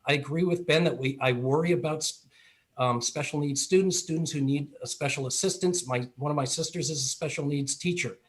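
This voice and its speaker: A man running for Congress, giving a measured answer in a virtual forum, with some restarts. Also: a little high. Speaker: congressional candidate. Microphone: video call.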